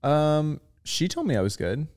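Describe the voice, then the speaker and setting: A man's voice: a little high, big pitch swings, measured pace, a little mellow. A young man co-hosts a podcast in casual chat, easygoing and given to dry jokes. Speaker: podcast co-host.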